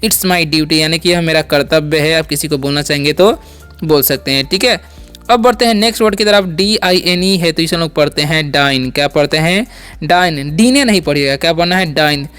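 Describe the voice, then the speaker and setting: A young man with a high, clear and smooth voice leads an English pronunciation lesson. He repeats each word and asks the listener questions along the way. Soft music plays in the background. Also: brisk. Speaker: English teacher. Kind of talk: spoken language lesson.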